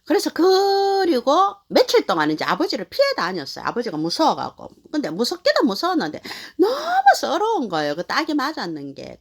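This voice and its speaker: A woman in her fifties hosting her channel, telling a personal story in a rambling, animated way with many fillers. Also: high-pitched. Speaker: channel host. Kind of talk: casual storytelling.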